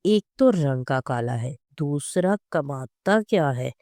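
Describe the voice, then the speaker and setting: A narrator voicing a defiant, sharp-tongued young woman. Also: mid-range voice, expressive, slow, no room sound, studio quality. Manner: rude, complaining. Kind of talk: storybook reading.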